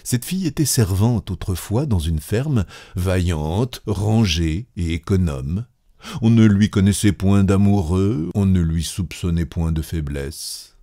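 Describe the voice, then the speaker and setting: A man narrates a literary tale in a low voice. He reads slowly, with a grave and measured delivery. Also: animated, dark tone. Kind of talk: literary audiobook reading.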